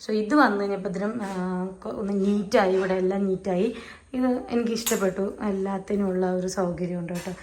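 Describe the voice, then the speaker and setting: A young mother talks casually to her viewers at home in a gentle, mid-range voice. Her speech is relaxed and conversational. Faint noise sits behind her. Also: a little fast. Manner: high sing-song baby talk with her toddler; low soft asides to viewers. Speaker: mother and family vlogger. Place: family home, kitchen.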